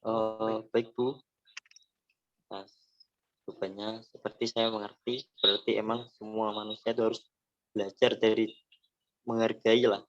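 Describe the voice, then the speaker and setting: A man's voice: on the low side, level tone, unhurried, long pauses, no room sound, dull audio. A man from Java moderating a webinar, speaking in a hesitant, trailing way. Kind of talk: casual moderation. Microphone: video call.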